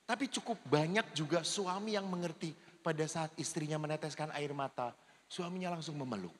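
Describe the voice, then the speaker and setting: Man, priest, jokey seminar talk, high voice, echoing hall. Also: fairly quick. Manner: lively, jokey, acts out spouses' lines. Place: church hall. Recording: long reverb of a large hall.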